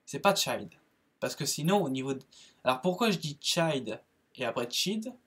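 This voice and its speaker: A French man with a French accent giving a casual spoken lesson on English verbs, halting, with many fillers and restarts. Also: a little high, expressive, fairly bright tone, slightly rough. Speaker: English teacher, channel host.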